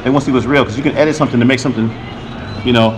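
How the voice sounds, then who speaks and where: His medium-pitched voice keeps a fairly even intonation while he rattles along rapidly. The forties-aged vlogger gives a relaxed, repetitive tour of his streaming setup, recorded at night through a camera-mounted mic, handheld then tripod, over coffee shop din.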